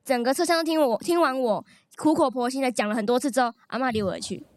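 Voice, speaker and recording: A woman's voice: high-pitched, quick pace, dry recording. A young woman with a Taiwanese Mandarin accent, co-hosting a podcast and telling stories with frequent laughter. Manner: animated storyteller, laughs often. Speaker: podcast co-host. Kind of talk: casual chat.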